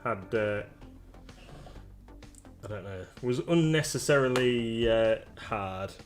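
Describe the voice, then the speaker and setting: A man's voice: on the low side, expressive, slow, faint music behind. A man chatting casually as host of a live stream, hesitant and self-deprecating, with lots of fillers. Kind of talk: casual chat. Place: home streaming room.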